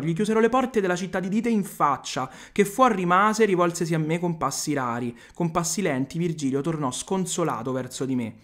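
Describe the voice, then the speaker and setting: A man's voice: fairly high pitch, fairly bright tone. A man with an Italian accent giving a video lesson, reading old verses aloud and paraphrasing them plainly. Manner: reads verses then explains them plainly. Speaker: literature teacher.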